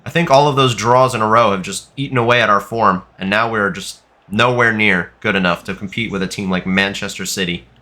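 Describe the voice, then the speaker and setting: A young man giving live, frustrated commentary over a football video game, often shouting at his players. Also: on the low side, fairly quick. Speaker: gaming YouTuber.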